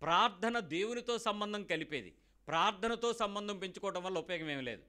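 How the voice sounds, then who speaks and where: A man delivers a sermon in a bright voice pitched somewhat high. He keeps asking his listeners pointed questions. Now and then he acts out short exchanges between people. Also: expressive, fairly quick. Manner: asks the congregation many direct questions. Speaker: preacher. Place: church hall with children present.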